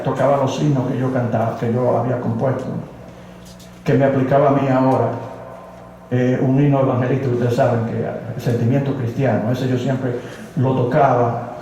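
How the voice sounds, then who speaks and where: A man's voice: medium pitch, dark tone, slight background noise. A man preaching, telling his own conversion story in an earnest, emotional way, in a church. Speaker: pastor. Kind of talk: sermon, personal testimony. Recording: echoey hall, from a distance.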